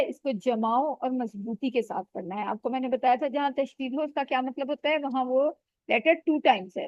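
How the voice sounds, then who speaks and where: A woman teaching Quran recitation rules in an online class, patiently correcting students and modelling sounds slowly. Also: high voice, no room sound, dull audio.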